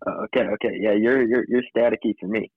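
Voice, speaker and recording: A man's voice: fairly low pitch, steady tone, quick pace, husky, no room sound. A man co-hosting a casual sports chat, heard over a crackly phone line and often restarting his phrases. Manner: restarts phrases, repeating words. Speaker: podcast co-host. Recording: tinny, crackly phone call.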